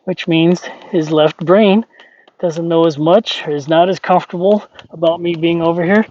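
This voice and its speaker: A man working as a horse trainer, calmly explaining a training session and talking softly to the horse in between. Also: a little high, moderate pace. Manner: calm, explanatory, talks to the horse between points. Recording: dull, lo-fi with faint noise.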